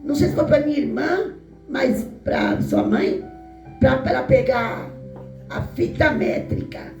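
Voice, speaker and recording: A woman's voice: sits high, measured pace, vocal fry, recorded from a distance. A woman giving a fervent testimony sermon to her church, calling out to the congregation and acting out the people in her story. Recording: echoey church with soft guitar.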